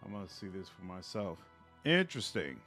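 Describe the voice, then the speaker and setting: A man's voice: deep voice, big pitch swings, a little fast, sharp tone, soft background music. A man streaming a video game, giving casual live commentary, thinking aloud and often trailing off.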